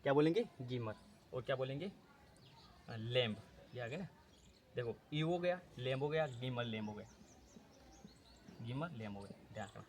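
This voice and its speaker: A man's voice: mid-range voice, animated, normal speed, pauses often, slight background noise. Male teacher drilling quiz-style questions. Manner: drills with repeated questions and answers; mixes Hindi with English terms. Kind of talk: exam-prep lecture.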